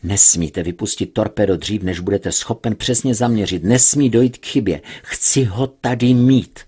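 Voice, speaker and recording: A man with a husky voice voicing a cold, furious male villain boss who barks orders. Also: lowish voice, mellow. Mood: commanding. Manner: commanding, icy.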